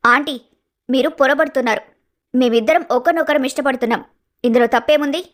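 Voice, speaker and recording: A sweet clever cartoon girlfriend, teasing and lively, high voice. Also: fairly quick. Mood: teasing, tender. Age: young adult. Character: clever playful young woman in love.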